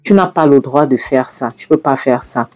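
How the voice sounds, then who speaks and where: A woman's voice: very deep voice, normal speed, mellow, faint music behind. A woman voicing an upset sixteen-year-old girl who keeps begging her mother not to leave. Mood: pleading. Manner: pleading, insistent.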